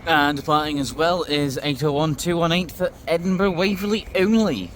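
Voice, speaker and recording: Higher-pitched man commentating on trains. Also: normal speed. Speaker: trainspotting video narrator. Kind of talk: brief live commentary on passing trains. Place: railway station platform. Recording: faint station background noise.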